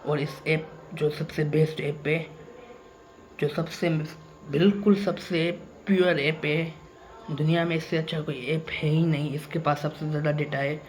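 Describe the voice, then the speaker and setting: A man's voice: on the high side, fairly even intonation, unhurried, a little hiss or hum. Emphatic, repetitive man vlogging. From Pakistan. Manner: repetitive and emphatic, circles back to the same points. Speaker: YouTuber. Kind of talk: casual vlog monologue.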